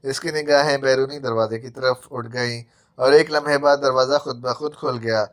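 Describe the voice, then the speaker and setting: Brief: male audiobook narrator, steady scripted storytelling, mid-range voice. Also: mid-range voice.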